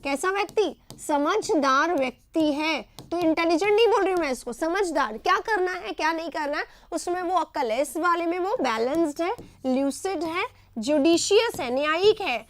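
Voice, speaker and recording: A woman's voice: extremely high pitch, lively intonation, normal speed. A woman with an Indian accent teaching English vocabulary in a live online class, explaining each word in short repeated phrases and often checking with "right?".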